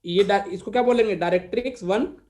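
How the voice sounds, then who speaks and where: High-voiced Indian maths teacher quizzing students. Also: male voice, a little mellow. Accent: Indian English mixed with Hindi. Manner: dictates slowly, quizzes students, calls them beta. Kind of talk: live online class lecture.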